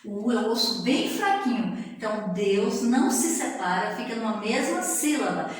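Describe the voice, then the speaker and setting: A woman, sounding middle-aged, teaches a grammar lesson in a fairly high voice. She stretches each syllable out slowly and keeps checking in with her students. The recording sits in a very echoey room with a long reverb tail. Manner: slow, drawn-out syllables with frequent check-in tags.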